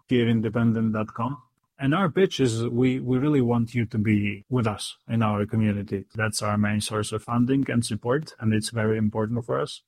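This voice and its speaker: A man's voice: lowish voice, a little mellow, no room sound. A young adult man from Ukraine, a native Ukrainian speaker, answering interview questions about his news outlet in an earnest, thoughtful way, often checking in with "right?". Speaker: guest, news outlet founder.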